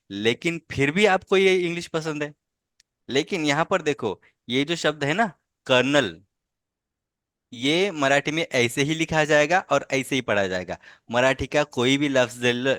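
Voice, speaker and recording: A man gives an online lesson to a child in a patient, coaxing way. He keeps asking short checking questions to bring the pupil along. His mid-pitched voice comes through a dry video-call sound with no room echo. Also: fairly bright tone. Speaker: language teacher.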